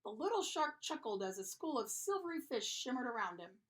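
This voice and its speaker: A woman reading a children's picture book aloud in a lively, expressive way. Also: a little high, a little fast. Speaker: storybook reader. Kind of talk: children's story read-aloud.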